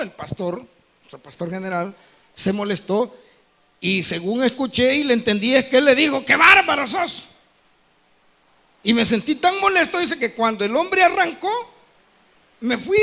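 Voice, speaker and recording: Man, Salvadoran accent, preacher, very high bright voice, animated storytelling, sudden shouts. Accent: Salvadoran Spanish. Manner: animated storytelling with frequent asides to the congregation; acts out quoted dialogue and bursts into shouting. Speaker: pastor. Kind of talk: sermon.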